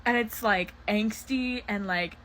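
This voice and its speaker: A woman's voice: medium pitch, slow, fairly bright tone, a little hiss or hum. Chatty young woman recommending fanfic. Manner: rambling, lots of "um" and "like", laughs often. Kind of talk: casual chat.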